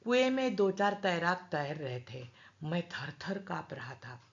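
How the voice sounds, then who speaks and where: A woman reads a story aloud in a calm, measured way. Her voice sits a little low and she takes her time. The recording sounds slightly dull and lo-fi. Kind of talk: scripted story narration.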